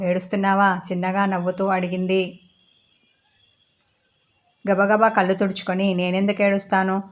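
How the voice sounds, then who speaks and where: A woman storyteller reading a romance story aloud in a steady, even way. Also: mid-range voice.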